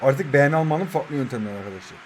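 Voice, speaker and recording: This mobile football game YouTuber, a young man in his twenties, talks at a very fast clip in a medium-pitched, animated voice. He jokes and celebrates his goals while addressing both his players and his viewers during excited commentary on his own matches. A little hiss or hum can be heard.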